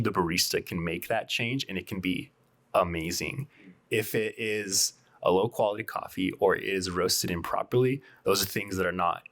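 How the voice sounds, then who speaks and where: A man's voice: deep voice, fairly bright tone. A man, a coffee shop co-owner, talking casually as a podcast guest and working through his reasoning with fillers.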